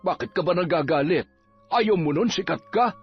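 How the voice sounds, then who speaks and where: A man voicing a grumbling, teasing middle-aged village folk healer, gruff and nagging with comic moments. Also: high voice, expressive, normal speed. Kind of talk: Filipino audio drama acting. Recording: dull lo-fi with faint music.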